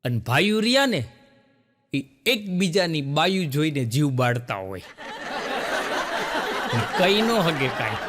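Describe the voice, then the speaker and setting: High bright stand-up comedian. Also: male voice, very animated, a little slow, pauses often, slight background noise. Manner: folksy joke-telling to a laughing audience. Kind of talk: live stand-up storytelling.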